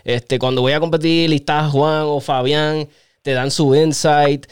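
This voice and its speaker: A man with a Puerto Rican accent hosting a casual chat, rambling through animated stories full of slang. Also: on the high side, a little slow, smooth, dry recording, clean studio sound. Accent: Puerto Rican Spanish.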